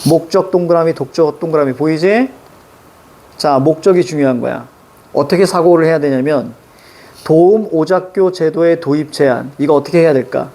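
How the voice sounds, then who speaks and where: A male teacher giving a classroom lecture on exam questions, brisk and instructive, checking in often with quick rhetorical questions. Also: fairly high pitch, mellow. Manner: brisk, instructive, keeps students marking text.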